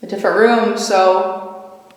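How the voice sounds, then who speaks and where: A woman's voice: medium pitch, steady tone, slow. A woman talking casually and tentatively as she co-hosts a paranormal investigation vlog. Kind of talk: casual ghost-hunt vlog talk. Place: echoey basement of an old jail. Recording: very echoey room.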